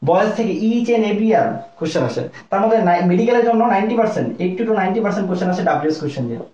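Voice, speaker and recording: Rapid-fire young male tutor, echoey lo-fi. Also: high voice, lively intonation, mellow, a little hiss or hum. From Bangladesh. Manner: rapid, repetitive, keeps checking in with listeners. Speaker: medical admission tutor. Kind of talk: live online lesson. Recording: echoey, dull lo-fi room sound.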